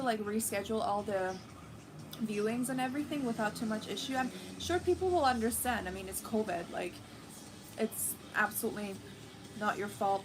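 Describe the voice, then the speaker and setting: A young Iranian woman, Farsi her first language, hosts a livestream from an indoor living room with a red sofa. Her medium-pitched voice chats casually with viewers, full of fillers, over a noisy background.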